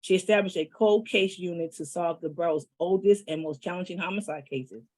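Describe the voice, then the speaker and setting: A woman's voice: on the low side, a little fast, darkish tone, low-quality recording. A woman hosting an online meeting reads a prepared introduction of the guest speaker, with a few "um" fillers at the start. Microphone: video call.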